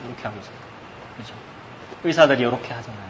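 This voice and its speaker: A man's voice: medium pitch, lively intonation, racing, muffled recording. A man preaching a sermon to his congregation as pastor, speaking emphatically and putting rhetorical questions to his listeners. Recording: long hall reverb, faint background noise.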